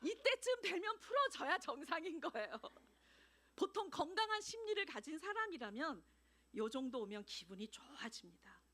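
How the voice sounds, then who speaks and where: Animated, bright woman preacher. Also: high voice, moderate pace. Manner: animated, acts out dialogues, laughs often. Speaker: missionary preacher. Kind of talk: sermon. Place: church.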